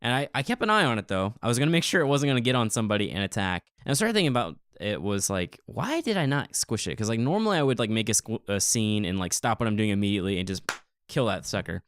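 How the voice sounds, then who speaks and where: A man co-hosts a relaxed podcast chat, his voice sitting low with a gravelly edge. He gets excitable and likes to tease his co-host. The recording is dry and close, with no room sound. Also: quick pace, no echo. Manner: excitable, playful teasing. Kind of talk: casual chat.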